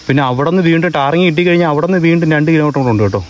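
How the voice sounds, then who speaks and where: A man's voice: a little high, racing, dull audio. A man with a Kerala accent narrating a casual travel vlog, mixing English words into his Malayalam. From Kerala, India. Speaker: travel vlogger. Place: outdoors on a hill path. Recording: noisy outdoor handheld recording.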